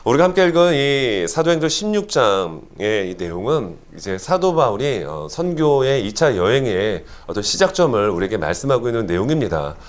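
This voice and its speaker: Nasal, stuffy-nosed male preacher, animated pitch. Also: moderate pace, hardly any pauses. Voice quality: nasal, congested-sounding. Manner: emphatic preaching with rhetorical questions. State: stuffy nose from pollen allergy. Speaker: Korean church senior pastor. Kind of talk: sermon.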